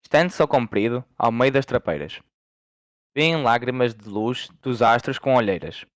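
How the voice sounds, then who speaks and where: A teenage boy from Portugal reading a long poem aloud for school in a steady, measured way. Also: mid-range voice, no room sound.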